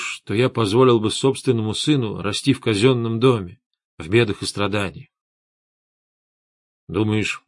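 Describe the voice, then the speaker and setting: A male audiobook reader voicing an old, scheming chief of light mages, speaking low, subdued and heavy. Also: no room sound, studio quality, close to an everyday voice. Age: older. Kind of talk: audiobook character voice.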